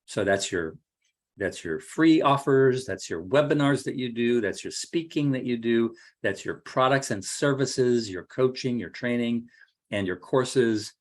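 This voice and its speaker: A man's voice: medium pitch, measured pace. A man teaching an online course workshop as a marketing coach, talking casually with many fillers and restarts. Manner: relaxed, conversational, frequent fillers and restarts.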